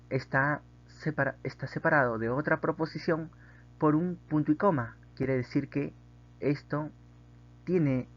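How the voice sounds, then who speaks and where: A man's voice: medium pitch, highs cut off. A man teaching a grammar lesson, patiently explaining and often checking in with the class through tag questions.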